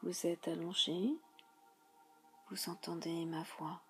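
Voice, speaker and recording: A woman guides a relaxation hypnosis in a soothing, spa-like whisper, hushed and breathy, with slow repetitive phrasing and frequent pauses. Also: on the low side, flat delivery, soft background music.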